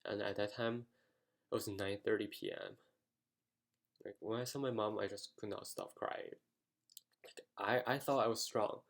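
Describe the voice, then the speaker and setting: A man's voice: on the low side, fairly even intonation, normal speed, gravelly, pauses often. A young American man telling a story in a casual vlog, rambling and using lots of "like" fillers. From United States. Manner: rambling, heavy use of "like" fillers. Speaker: vlogger.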